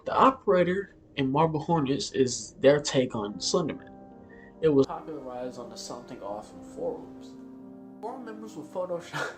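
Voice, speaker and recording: There's a sing-song lilt to this slightly high male voice as the YouTube host explains things at a moderate pace. He's laid-back and offhand, sometimes fumbling words, with music and roomy echo in the background.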